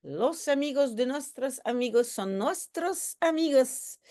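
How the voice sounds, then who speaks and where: A woman's voice: sits high, animated, unhurried, dark tone. A woman voicing an effusive male general with a put-on Spanish accent. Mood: hearty. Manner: exclaiming, effusive.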